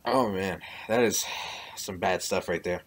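A man's voice: low voice, measured pace. A young man vlogging a taste test, talking bluntly with his mouth full of popcorn. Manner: blunt, grossed-out reactions. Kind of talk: casual taste-test commentary.

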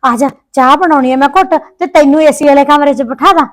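Talking fast in a high voice that stays close to her everyday speech, an actress plays a married daughter in a village short film. She chats and complains about her mother-in-law, her Punjabi accent clear throughout.

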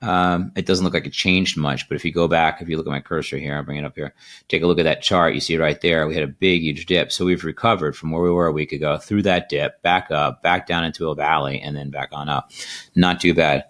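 A middle-aged man with a very low voice hosts an easygoing video from his desk. He rambles loosely, pausing often on "uh" and "um." The sound comes through a plain computer microphone. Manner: relaxed, rambling, filler-heavy. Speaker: crypto video host. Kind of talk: casual market commentary. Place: indoors at a desk.

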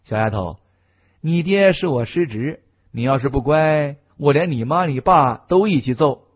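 A man voicing a brash, fearless young male cultivator who talks loudly with a mocking swagger. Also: fairly high pitch, expressive, moderate pace, dull audio. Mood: teasing.

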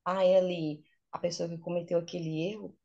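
Gravelly, low-voiced Brazilian woman teaching. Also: little pitch movement, normal speed, darkish tone. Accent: Brazilian Portuguese. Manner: patient, teacherly, explains step by step. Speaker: English teacher. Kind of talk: explaining in a casual interview. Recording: dull, lo-fi sound.

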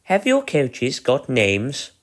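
A man's voice: medium pitch, huge pitch swings, slow, voice pushed up. A polite, kindly storybook engine as a man puts him on. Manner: polite, gentle. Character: kindly, grave male tank engine, polite. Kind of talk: storybook character voice.

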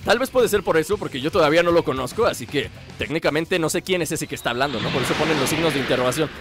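A man giving excited, joking commentary while playing a fighting game, shouting during fights. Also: on the high side, racing, soft background music. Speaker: gameplay streamer.

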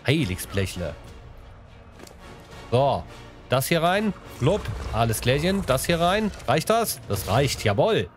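A man's voice: medium pitch, very animated, slow pace, long pauses, soft background music. A man narrating his own gameplay in a casual, chatty way, talking to the animals and to his viewers with playful sing-song bits. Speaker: let's play host.

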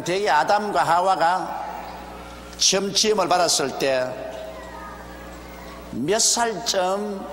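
Older male preacher at a pulpit mic, measured delivery with rhetorical questions, long church reverb. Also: a little high, fairly bright tone, slight background noise. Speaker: pastor. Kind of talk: expository sermon. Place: large church sanctuary, behind a wooden pulpit. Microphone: pulpit microphone. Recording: roomy, echoey hall with faint ambience, older broadcast video.

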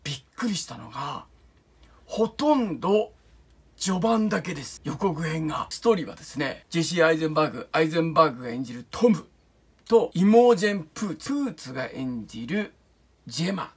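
A man hosting his own channel, telling a film's setup in a casual review and often dropping into a hushed whisper for the eerie parts. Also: fairly high pitch, brisk, husky. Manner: animated storytelling, often drops into hushed whispers. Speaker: channel host reviewing films. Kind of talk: casual film review talk.

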